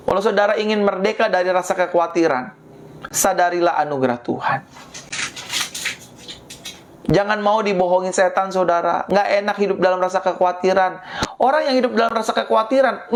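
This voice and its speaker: A middle-aged woman pastor with a medium-pitched voice preaches a sermon, repeating phrases and speaking directly to the congregation.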